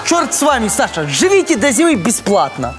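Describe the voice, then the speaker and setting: A man's voice: extremely high pitch, huge pitch swings, a little fast, over music, crowd noise, full character voice. An actor playing an exasperated young landlord in a comedy sketch, a man pleading and sarcastic as he haggles. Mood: frustrated. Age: young adult. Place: outdoor courtyard.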